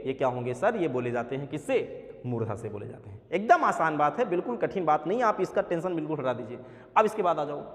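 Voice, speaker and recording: A man's voice: high voice, in a large hall. A man teaching an exam-prep grammar lesson, saying sounds aloud as examples and calling his viewers sir.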